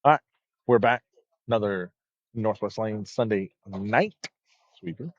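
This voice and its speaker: Guy doing bowling commentary on a stream, kinda low voice, dry dull lo-fi audio, lots of uhs. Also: lively intonation, a little slow, no room sound. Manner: chatty, loose, with frequent fillers and restarts. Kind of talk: live sports commentary.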